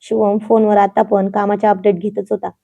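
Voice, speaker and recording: Woman narrating a romance story, mellow. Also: mid-range voice, little pitch movement, moderate pace, gravelly, lo-fi sound.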